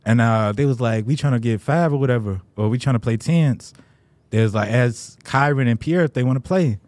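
A man's voice: medium pitch, brisk, a little mellow, no echo. Laid-back man telling a podcast story. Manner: laid-back slang, laughing as he tells a story. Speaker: podcast co-host. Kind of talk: casual storytelling chat.

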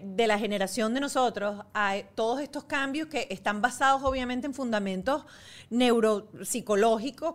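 A woman hosting a parenting interview show, asking thoughtful follow-up questions in a casual tone. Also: fairly high pitch. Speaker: host.

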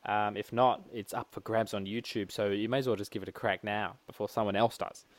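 A man's voice: on the low side, fairly quick, no room sound. Playful man hosting a podcast. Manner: playful, animated, laughs often. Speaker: podcast co-host. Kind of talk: casual gaming podcast chat.

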